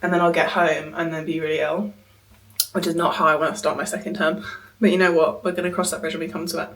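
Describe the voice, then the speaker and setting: A woman's voice: deep voice, little pitch movement, fast, roomy sound. Young woman vlogging while sick, breathless and coughy, a bit far from the mic, annoyed but stubborn. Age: young adult. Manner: chatty, frustrated and determined. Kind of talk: casual vlog chat to camera. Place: indoors at a holiday home.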